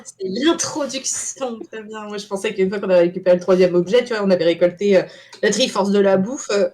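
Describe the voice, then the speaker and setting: A woman's voice: medium pitch, brisk, a little mellow. A woman playing a tabletop game, chatting casually with a vehement, joking manner. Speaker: player.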